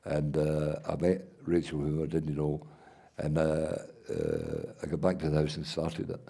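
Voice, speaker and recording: An older Scottish man telling rambling stories full of halting restarts, as the guest in an onstage conversation before an audience. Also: extremely low pitch, expressive, vocal fry, dark tone, slightly rough. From Scotland. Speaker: guest artist and playwright. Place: event hall before an audience.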